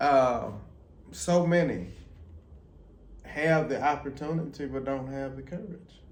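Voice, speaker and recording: A middle-aged father who talks in a halting way, stammering and repeating words, and gently teases his daughter. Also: mid-range voice. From United States. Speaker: guest, the host's father. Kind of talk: casual heartfelt conversation. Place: indoors at a table. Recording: echoey room with faint background noise.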